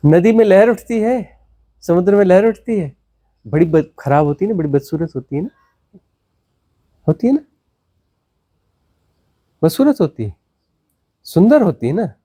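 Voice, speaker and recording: A man's voice: lively intonation, measured pace, long pauses, warm tone, no echo, studio quality. A man, a spiritual teacher, gives a satsang discourse, repeating words and asking rhetorical questions. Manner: repetitive, rhetorical questions, dramatic swings of pitch.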